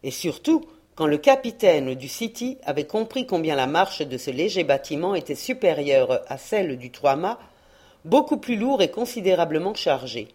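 A woman narrating a historical adventure novel in a measured, expressive reading voice. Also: low voice, slightly rough. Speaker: audiobook reader. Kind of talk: scripted narration.

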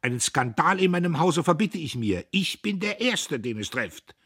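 A man voicing a pompous, self-important young brother who talks loud and indignant. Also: medium pitch, lively intonation, fairly quick, husky, no room sound, studio quality, pitched above the performer's own voice.

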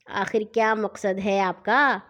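A woman voicing a young older brother who gently teases and lectures his little sister in a storybook tale. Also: mid-range voice, close to an everyday voice. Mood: curious.

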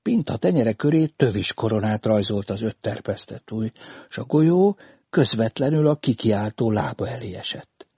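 A man narrates a literary story in a measured, deliberate audiobook reading. His tone is warm and mellow with a slightly husky edge. The recording is dry and close, with no room sound. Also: on the low side, animated, dry recording.

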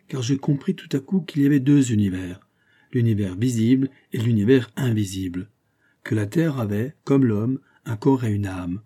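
An earnest, slightly tipsy provincial surgeon, read by a man in a low, dark, husky voice, telling a strange dream with solemn conviction. The audiobook delivery stays close to the reader's own voice, only a touch higher and weightier. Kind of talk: audiobook character reading.

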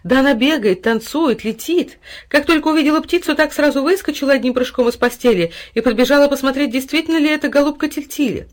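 A woman reading a fairy tale aloud, voicing a chatty, sly old neighbor woman who gushes in a brisk, talkative way. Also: medium pitch, big pitch swings, voice pushed up. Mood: gushing.

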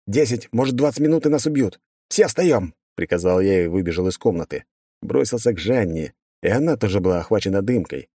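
Low dark-voiced guy narrating an audiobook, wry and brisk, dry close mic. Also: no room sound. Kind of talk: first-person audiobook narration.

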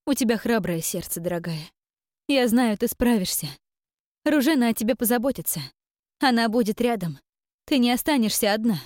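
A tender storybook mother, as a woman reader puts her on speaks softly and soothingly, a little above the reader's usual pitch. She stays calm and firm as she comforts her child, in a dry, close recording. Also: moderate pace, dry recording, close to an everyday voice. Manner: soft, soothing, quietly firm.

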